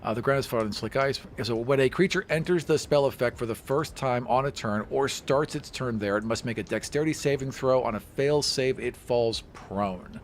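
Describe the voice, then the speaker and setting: A man's voice: medium pitch, moderate pace, hardly any pauses, a little hiss or hum. A man chatting casually while playing a tabletop game, joking and a little self-deprecating. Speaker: player on a charity game stream.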